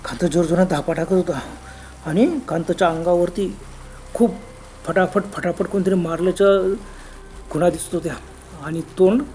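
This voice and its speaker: A man narrating a first-person horror story in a dramatic, halting way, with gasped exclamations. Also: high voice, mellow, slight background noise.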